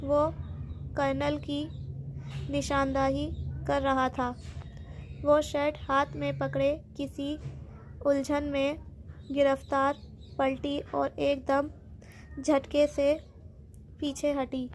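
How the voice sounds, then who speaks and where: A woman narrating a novel as an audiobook in a steady, dramatic reading. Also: sits high, long pauses, a little hiss or hum.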